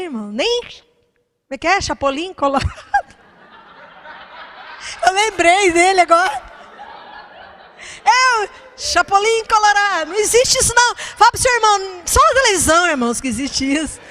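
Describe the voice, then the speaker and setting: A woman's voice: very high-pitched, animated, moderate pace, long pauses, a bit bright, slight background noise. A woman pastor, preaching a fervent sermon and calling out to the congregation.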